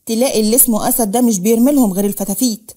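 A woman's voice: a little high, very fast, dark tone, natural voice. A woman voicing a greedy, scheming older man with an Egyptian accent and a scornful manner, in a storybook reading.

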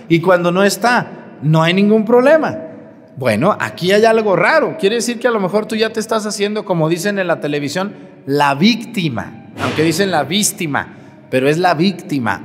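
A man preaching a sermon as priest, animated and joking, firing rhetorical questions at the congregation. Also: sits high, in a large hall.

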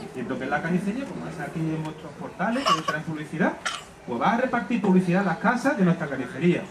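A man voicing a gruff adult male butcher who scolds sternly and then strikes a deal. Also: on the high side, big pitch swings, fast, noisy background. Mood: bargaining. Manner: stern, bargaining tone. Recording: echoey room from a distance, crowd behind.

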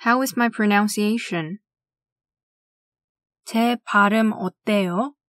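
A woman teaching language, reading classroom phrases slowly and carefully and saying each one twice. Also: mid-range voice, dry recording, studio quality. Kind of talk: scripted phrase drill.

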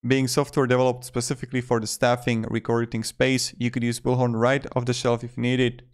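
Here a video host in his twenties narrates a casual review in a monotone, medium-pitched voice, a little fast, with loosely worded phrasing. He speaks close to the desktop microphone in front of him in a small room.

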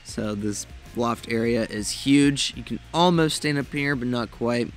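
A man's voice: medium pitch, measured pace, soft background music. A young man hosting a tiny house tour, narrating with enthusiasm and talking straight to viewers. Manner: enthusiastic, addresses viewers directly. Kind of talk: upbeat walkthrough narration.

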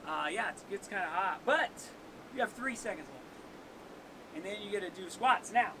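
High-voiced upbeat man coaching a workout. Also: expressive, normal speed. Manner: upbeat, joking, counting down. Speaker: workout host. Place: small seaside cave outdoors. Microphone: camera on tripod at a distance. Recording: noisy outdoor recording with wave rumble.

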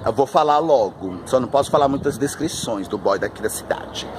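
A man's voice: medium pitch, expressive, brisk, poor audio. A flamboyant, chatty man telling a story outdoors on a street, recorded on a handheld phone. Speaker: vlogger. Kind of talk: casual storytelling vlog while walking. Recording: street noise behind.

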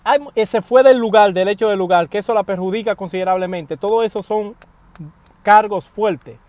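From inside a parked car, a man gives casual news commentary to camera, his voice sitting high at a moderate pace with no echo. He's animated, talking directly to viewers with emphatic pleas, recorded on a wired earphone mic.

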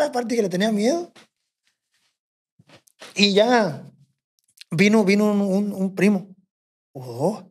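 A man with a Sinaloan Mexican accent, a podcast guest telling a long story in a rambling, profane way and quoting what people said. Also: sits high. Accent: Sinaloan Mexican Spanish. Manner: rambling, profane, quotes himself and others. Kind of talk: casual storytelling.

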